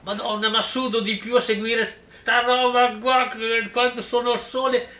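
A man with an extremely high voice, at normal speed, gives a mock-dramatic reading of a silly story, stopping for joking asides and mocking remarks. He is animated and breaks into laughter. The sound is roomy and off-mic, recorded from a distance.

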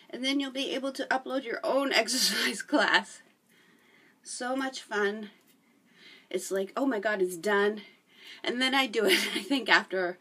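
Her voice is mid-range and fairly bright as this middle-aged fitness vlogger leads a home workout. Chatty and encouraging, she laughs as she exercises and gets out of breath, and she sounds distant from the mic.

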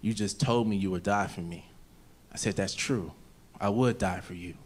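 A low-pitched American comedian does stand-up storytelling at a moderate pace, holding a stage mic in an indoor club. The audio comes from a noisy live club recording being played back.

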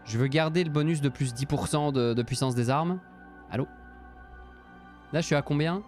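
A man's voice: a little high, moderate pace, darkish tone, faint music behind. A man from Belgium, casually commenting on a strategy game while thinking aloud and thanking viewers. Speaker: streamer.

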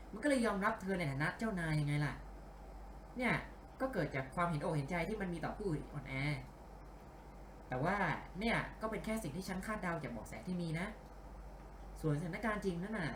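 A man's voice: sits high, a bit bright, roomy sound, slight background noise. Sango, a thoughtful woman detective, read by a man. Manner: thoughtful, explaining step by step. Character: calm, sharp-minded woman detective club president. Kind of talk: dubbing game dialogue aloud while playing.

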